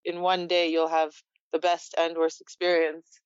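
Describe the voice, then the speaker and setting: Laughing, reflective woman with a low voice. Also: unhurried, clear, resonant tone, dry recording, dull audio. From Poland. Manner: relaxed, reflective, laughs often. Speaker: interview guest. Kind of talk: casual interview chat.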